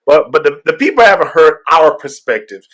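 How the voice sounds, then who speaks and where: Pastor hosting a casual podcast, somewhat higher voice, energetic shout-outs and loose, filler-heavy talk. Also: male voice, fairly quick. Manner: hype greetings, rambling with fillers. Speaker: host and pastor.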